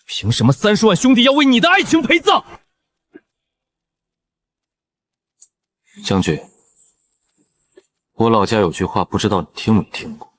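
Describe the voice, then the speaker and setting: An actor playing a blunt, hot-blooded rebel general with a coarse commanding manner in an animated drama. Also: male voice, mid-range voice, fairly quick, dry recording. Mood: bitter scorn. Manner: coarse, commanding, often shouting. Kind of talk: dramatized animated-comic dubbing.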